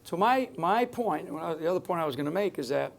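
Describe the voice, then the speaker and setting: Before a live crowd, a man gives an improvised security talk, rambling emphatically and frequently starting his sentences over. His voice is a little high and gravelly, animated and slightly fast.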